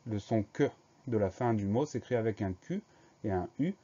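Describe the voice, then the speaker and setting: A man's voice: lowish voice, animated, moderate pace, mellow, lo-fi sound. A man teaching a spelling dictation lesson, patiently spelling each word out letter by letter.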